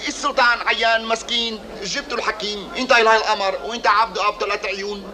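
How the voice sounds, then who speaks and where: An actor playing an eager, deferential palace servant of a sultan, effusive and ceremonious, in a comic adventure film. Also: male voice, high-pitched, little pitch movement, racing, crowd noise, lightly acted. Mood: excited welcome.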